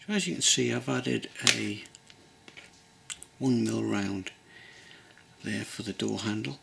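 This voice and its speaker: A middle-aged English man giving a relaxed modelling tutorial at his workbench, thinking aloud with many pauses and ums. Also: fairly low pitch, vocal fry, background noise. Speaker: model railway builder. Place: workbench at home.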